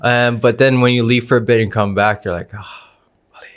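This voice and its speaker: A man's voice: mid-range voice, steady tone, brisk. A man who grew up in Indonesia, a podcast guest talking in a laid-back, rambling way full of "you know"s. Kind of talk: casual podcast chat.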